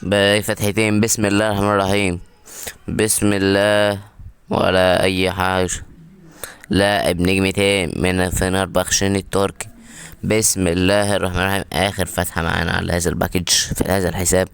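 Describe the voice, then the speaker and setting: Fast-talking Egyptian man opening game packs. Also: low-pitched, gravelly, clear, resonant tone. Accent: Egyptian Arabic. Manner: excited, repetitive muttering while opening packs. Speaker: mobile gaming YouTuber. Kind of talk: casual gameplay commentary.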